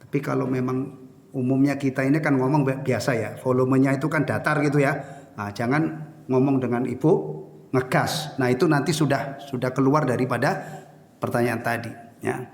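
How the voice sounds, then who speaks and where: A man preaching as ustaz in a relaxed, chatty way, quizzing his listeners with rhetorical questions. His voice has a gravelly edge, and the recording carries the long echo of a hall. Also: mid-range voice, normal speed. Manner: conversational, asks the audience rhetorical questions. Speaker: ustaz teaching a Islamic study session. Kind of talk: informal sermon with Q&A. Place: prayer room after evening prayer. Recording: echoey hall with long reverb.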